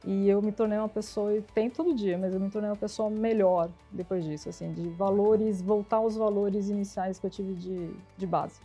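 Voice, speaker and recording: Lively woman telling stories. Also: mid-range voice, moderate pace, few pauses, husky, soft background music. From São Paulo, Brazil. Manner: lively storyteller acting out quoted dialogue. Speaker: interview guest, IT executive. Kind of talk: casual storytelling interview.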